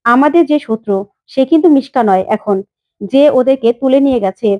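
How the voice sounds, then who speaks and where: A headstrong young woman from a family serial, as a woman narrator reads her lines talks back to her elders in sharp, cutting retorts. The voice sits high, and the recording sounds a little dull and lo-fi. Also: a little fast, dry recording, close to an everyday voice. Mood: defiant.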